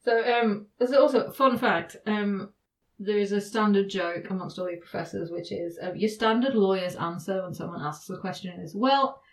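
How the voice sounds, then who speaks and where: A woman's voice: mid-range voice, normal speed, rough recording. A chatty woman talks through legal cases in casual podcast chat. She laughs often and fills her talk with ums and restarts. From United Kingdom. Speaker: podcast host explaining law.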